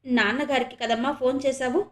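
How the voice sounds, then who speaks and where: A young daughter in a storybook audio novel, coaxing and pleading, voiced by a woman narrator. Her voice sits fairly high with a wheedling softness. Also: steady tone, brisk.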